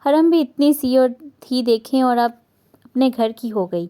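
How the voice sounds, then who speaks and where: A woman's voice: high voice, dark tone, clean tone, close to an everyday voice. A woman voicing an older grandmother in a novel reading, doting on her granddaughter. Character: older grandmother, proud, softened.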